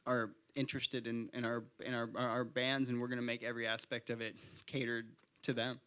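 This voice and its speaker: A man's voice: medium pitch, little pitch movement, fairly quick, fairly bright tone, clear, resonant tone. A male band member describing the tour earnestly, stumbling over repeated words. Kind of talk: casual interview chat.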